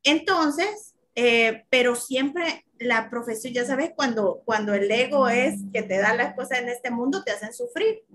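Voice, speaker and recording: A woman's voice: fairly high pitch, unhurried, hardly any pauses, fairly bright tone, slight background noise. A woman with a Central American Spanish accent, a course teacher sharing her personal story earnestly in an interview, laughing readily.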